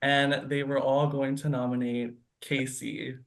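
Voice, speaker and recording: A man's voice: mid-range voice, flat delivery, measured pace, creaky. A man hosting an online game show over a video call, announcing results with an upbeat, giggly manner.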